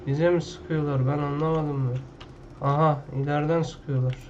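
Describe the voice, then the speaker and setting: A fairly high-voiced man commenting on his own gameplay in a loose, slangy way, talking to himself and to the characters on screen. His home mic sounds dull and lo-fi. Keyboard clatter and a faint hum sit behind him. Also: fairly even intonation, moderate pace. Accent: Turkish. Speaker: gaming YouTuber.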